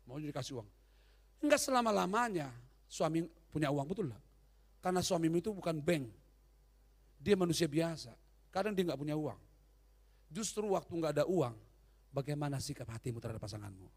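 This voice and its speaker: A male pastor preaching with a fairly high voice that rises and falls in big swings. He is animated and humorous, and keeps tossing questions out to the congregation. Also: brisk, pauses often. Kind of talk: sermon.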